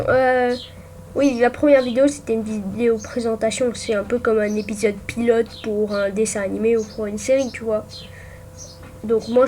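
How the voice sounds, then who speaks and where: Young woman rambling through a ranking, lots of euh, a bit high and mellow, faint hiss. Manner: hesitant, many fillers and restarts while typing. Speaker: gaming YouTuber. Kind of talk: casual screen-recorded commentary. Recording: faint background noise with keyboard typing.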